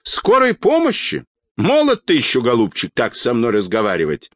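A man reading a storybook aloud and voicing a dignified, strong-willed elderly grandmother in a shrill, indignant tone. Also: wildly swooping pitch, a little slow, a bit bright, dry recording, exaggerated voice.

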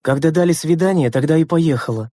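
A woman's voice: low voice, a little fast, mellow, dry recording, clean studio sound. A woman doing a stern, worn-out teen sister. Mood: weary. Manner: scolding, weary. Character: harried older sister, teen girl, stern and tired. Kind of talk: storybook reading.

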